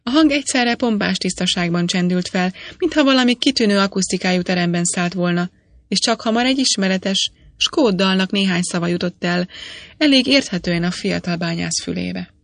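A woman narrating an audiobook in a steady, measured reading. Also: lowish voice, gravelly, no room sound. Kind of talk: scripted narration.

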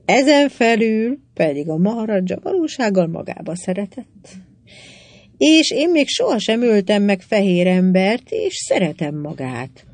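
A woman's voice: mid-range voice, very animated, darkish tone, dry recording, pitched above the performer's own voice. A woman reading an audiobook, voicing a proud, scheming Indian queen who speaks boldly and frankly, teasing and passionate by turns. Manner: passionate, teasing, then pleading.

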